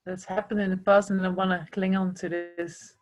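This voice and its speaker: A woman's voice: lowish voice, flat delivery, moderate pace, a little mellow. Reflective woman participant on a call. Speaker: meeting participant. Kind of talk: casual chat on a video call. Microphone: video call.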